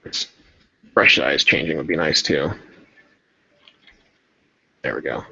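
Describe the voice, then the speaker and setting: Painting a model while he hosts a casual livestream, a man rambles chattily and keeps interrupting himself. He has a slow, husky bass voice with vocal fry and a sharp tone, and the stream audio is dull and lo-fi with no echo.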